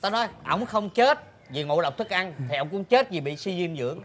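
An actor playing a chatty middle-aged eatery owner with animated exclamations. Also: male voice, sits high, fairly quick. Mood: scolding. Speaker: comedy sketch actor.

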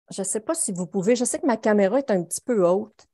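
Here a female art instructor, middle-aged and Quebec French-accented, walks viewers through a watercolour demonstration on a video call, speaking casually from her home studio. Her mid-range voice is mellow with a breathy edge.

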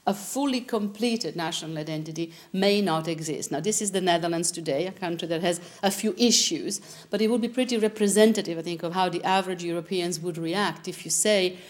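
A woman, answering interview questions in an animated, discursive way in a TV studio. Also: on the low side, a little fast, hardly any pauses. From Italy. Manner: animated, gesturing, frequent restarts. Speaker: interviewee, philosopher. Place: TV studio with curtain backdrop.

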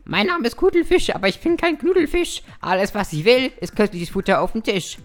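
A tiny, food-obsessed fish creature from a video game chat chirps along, naive and eager, as a woman puts it on. The voice sits well above her own, squeaky and bouncy, with plenty of swing. Faint game music plays behind. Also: very animated, fairly quick. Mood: sing-song.

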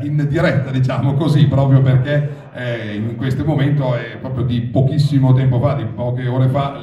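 A middle-aged man hosting a live event and auction on a handheld microphone, speaking in a halting, wordy, improvised way. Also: medium pitch, dark tone, lo-fi sound. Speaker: master of ceremonies and charity auctioneer. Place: crowded restaurant dining hall, indoors. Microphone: handheld microphone over speakers, recorded by audience camera. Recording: roomy hall PA, distant, audience chatter.

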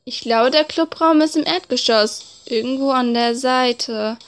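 A woman reading visual novel text aloud for a let's play, expressive, with informal casual asides. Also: high-pitched, measured pace.

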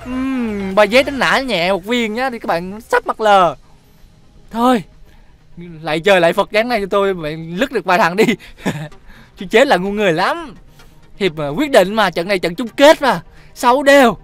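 A man's voice: high-pitched, animated, normal speed, a bit bright, faint music behind. A man giving joking, teasing gameplay commentary while he plays, swearing casually and laughing often. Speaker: gaming channel host.

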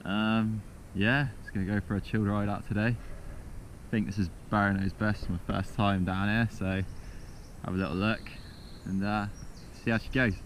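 A young man with a southern English accent, rambling casually while riding a mountain bike outdoors, recorded on a bike camera with loud wind and trail noise behind him. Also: on the low side, moderate pace, rough recording. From southern England. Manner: rambling, relaxed, chatty.

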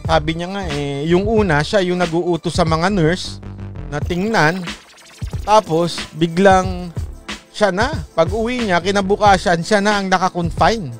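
A man's voice: high-pitched, measured pace, soft background music. A man giving casual, rambling commentary, chatting with polite asides and laughing at his own jokes.

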